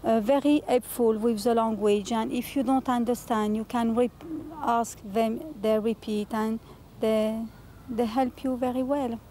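A French-accented woman with a fairly high but mellow voice speaking English hesitantly, restarting her phrases. Faint ambience sits behind her. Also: steady tone, unhurried, slight background noise. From France. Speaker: English learner.

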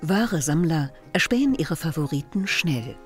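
Woman, low pitch, scripted documentary narrator, music bed clearly audible. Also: animated, measured pace. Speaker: narrator of a TV report.

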